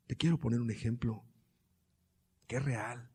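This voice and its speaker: A man preaching a sermon, moving between quiet, hushed teaching and loud, impassioned passages full of repeated rhetorical questions. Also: mid-range voice, steady tone, a little slow, slightly rough, in a large hall. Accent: Colombian Spanish.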